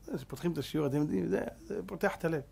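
Male rabbi, high-pitched, animated storyteller for a congregation lesson. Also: vocal fry, husky. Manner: animated storyteller, swings between loud and hushed; acts out characters in anecdotes. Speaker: rabbi teaching a Torah class.

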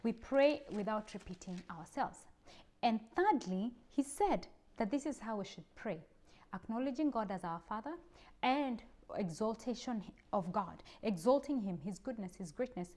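A woman preacher giving an emphatic sermon, repeating phrases and rising to loud exclamations. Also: mid-range voice, expressive, unhurried. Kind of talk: sermon teaching.

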